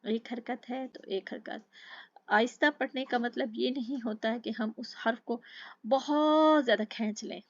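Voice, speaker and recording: A woman teaching tajweed, patiently explaining each letter and then slowly chanting the verse. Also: on the high side, no room sound, lo-fi sound. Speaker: Quran recitation teacher. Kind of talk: slow tajweed lesson with recited examples.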